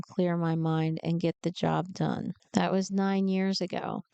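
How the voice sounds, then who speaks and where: A woman from New Jersey, a truck driver and trainer, telling a personal story in an animated, emotional way. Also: lowish voice, vocal fry, smooth, no echo.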